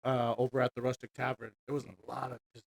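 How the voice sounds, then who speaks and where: A man's voice: mid-range voice, monotone, quick pace, vocal fry. A man asking questions as a podcast host in informal, casual chat with some swearing. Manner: informal, profane.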